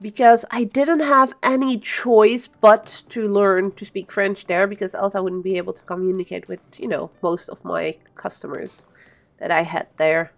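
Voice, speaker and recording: This game streamer is a Flemish Belgian woman, a native Dutch (Flemish) speaker, who wanders through explanations while giving relaxed live-stream commentary. She speaks at a moderate pace in a medium pitch, her tone steady and touched by vocal fry.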